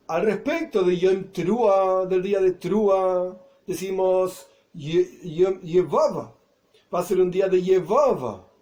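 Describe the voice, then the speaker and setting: High-voiced rabbi explaining Talmud. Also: male voice, a little mellow. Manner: reads Hebrew and Aramaic phrases, then explains each in Spanish; explanatory, with asides and self-corrections. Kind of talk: Talmud lesson.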